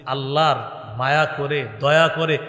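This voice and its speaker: A man's voice: fairly high pitch, flat delivery, a little slow, pushed and bright. A man preaching a storytelling sermon, quoting Arabic in a chant and calling out questions to the crowd. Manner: storytelling with call-and-response to the crowd. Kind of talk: Islamic sermon (waz). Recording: echoey PA with long reverb.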